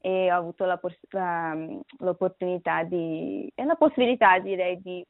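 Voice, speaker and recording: A woman's voice: on the low side, moderate pace, no echo. A woman from Brazil, a guest singer, talking unhurriedly over the phone on a radio show and searching for her words. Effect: heard over the phone. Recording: tinny dry phone line.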